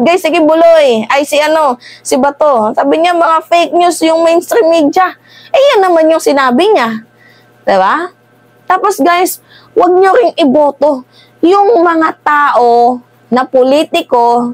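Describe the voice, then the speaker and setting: Woman political vlogger, chatty and animated, slightly higher voice, dry close recording. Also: dry recording. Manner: conversational, animated, keeps asking "di ba?" and addressing "guys". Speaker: political commentator. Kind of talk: casual political commentary.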